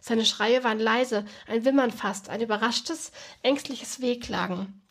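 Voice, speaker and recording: A woman reading a novel aloud, who also explains the story in a relaxed, casual way with many ums. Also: a little high, unhurried. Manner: relaxed, with many ums when talking freely.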